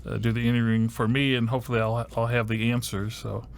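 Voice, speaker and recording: A man's voice: mid-range voice, flat delivery, fast talker, creaky, slight background noise. A man in his fifties from Ohio, a podcast host answering interview questions in a rambling way, full of "you know" and dry jokes, recorded in a podcast studio. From Ohio, USA. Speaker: host and first-year university advisor.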